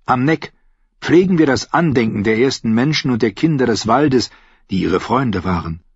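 A man voicing a solemn, wise boy seer who speaks in a grave, measured way. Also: mid-range voice, animated, husky, no echo. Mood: earnest. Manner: measured, grave, slow speech. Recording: slightly dull dry recording.

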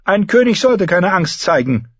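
A man's voice: sits high, very animated, normal speed, husky, no room sound, muffled recording, pitched above the performer's own voice, full character voice. A man reading an audiobook, voicing a cold, commanding queen who talks down to her son. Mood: imperious. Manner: commanding, cutting, condescending. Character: imperious queen mother, cold and sharp.

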